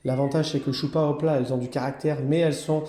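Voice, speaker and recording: Man cooing at cats in echoey room. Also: fast. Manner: coos at the cats in a high sing-song voice, then explains calmly to viewers. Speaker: cat hotel keeper. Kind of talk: casual vlog commentary. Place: indoor cat room.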